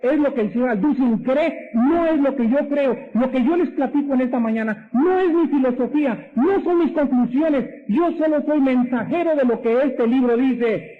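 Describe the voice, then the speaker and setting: Preacher guy, high voice, firing off rhetorical questions, sounds like an old phone-line radio. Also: normal speed, few pauses. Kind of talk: radio sermon. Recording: tinny radio broadcast.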